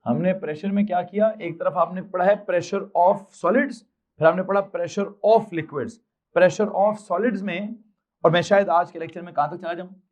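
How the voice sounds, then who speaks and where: A man's voice: high voice, a little mellow, highs cut off. A male physics teacher with a Pakistani Urdu accent, lecturing a class and firing off questions he answers himself. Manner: quizzing, answers his own rapid questions.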